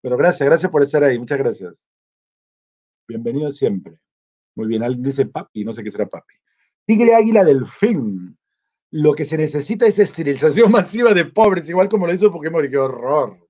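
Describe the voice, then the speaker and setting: A man's voice: on the high side, animated, brisk, a little mellow. A man, chatting casually on a livestream and reading viewer comments aloud, rambling as he reacts. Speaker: travel vlogger reading live chat. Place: indoors, in Lima. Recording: dull lo-fi sound.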